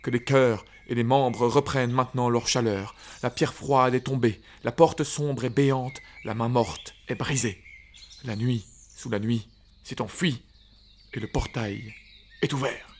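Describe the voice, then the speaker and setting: A man voicing a jolly, booming old forest spirit who chants his commands in a loud sing-song. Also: fairly even intonation, unhurried, a little hiss or hum, lightly acted. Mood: commanding chant.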